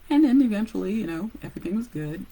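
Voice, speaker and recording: A woman who works as a nurse, casually telling a personal story with animated pauses and laughs. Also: medium pitch, low-quality recording.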